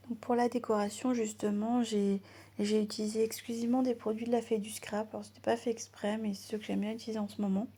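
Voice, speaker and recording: A woman hosting her own crafting channel, chatting casually in a voice-over as she works, often slipping into a soft half-whisper. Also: on the high side, creaky, husky.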